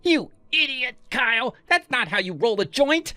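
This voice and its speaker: A man voicing a fiery, mocking teenage girl who taunts in a shrill voice. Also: animated, moderate pace, sharp tone, dry recording, soft background music, exaggerated voice. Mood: shrieking.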